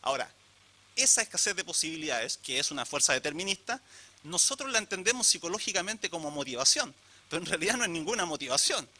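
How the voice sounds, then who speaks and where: A man's voice: on the high side, sing-song, fast talker, pushed and bright. A man giving an academic lecture to a live audience, asking rhetorical questions and turning to the listeners. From Chile. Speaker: conference speaker.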